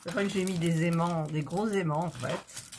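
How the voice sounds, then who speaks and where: A woman's voice: on the low side, fairly even intonation, moderate pace, background noise. A woman hosting her craft channel, chatting casually as she works at her desk, often breaking off mid-sentence and getting flustered. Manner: chatty, self-interrupting, easily flustered. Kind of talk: casual chat while crafting. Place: home desk.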